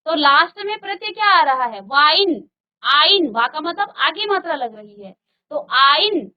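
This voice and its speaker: Slow, patient, high-voiced woman teacher. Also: lo-fi sound. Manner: slow, patient, repeats word pairs and asks rhetorical questions. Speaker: Hindi teacher. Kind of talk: virtual classroom grammar lesson. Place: studio.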